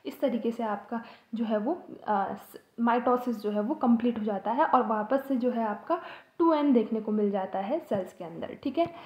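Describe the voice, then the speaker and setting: A woman teaching a biology lesson for exam students, asking rhetorical questions and checking in with her listeners often. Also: a little high. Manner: explains with rhetorical questions, checks in with "theek hai". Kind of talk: exam-prep biology lecture. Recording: echoey room, dull lo-fi sound.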